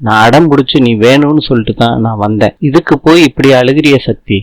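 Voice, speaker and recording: A man's voice: mid-range voice, brisk, dry recording, lightly acted, poor audio. A man reading a tender young husband. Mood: consoling. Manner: reading the lines flatly in his own voice.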